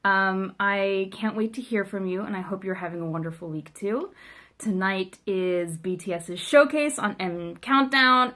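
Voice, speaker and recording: Speaking in a mid-range voice with a sharp tone, this wry, chatty young vlogger from South Africa grew up speaking Afrikaans. She's making a casual video letter for a friend, laughing at herself and dropping frequent ums.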